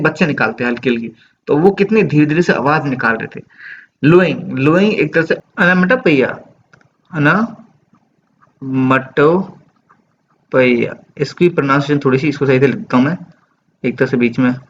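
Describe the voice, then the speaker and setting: Man, literature teacher, fairly high voice, slow verse reading, rhetorical questions, muffled recording, faint noise. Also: a bit bright. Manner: explains slowly, reads verse lines very slowly, asks rhetorical questions. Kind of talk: Hindi-English poetry lecture. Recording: dull, lo-fi with faint background noise.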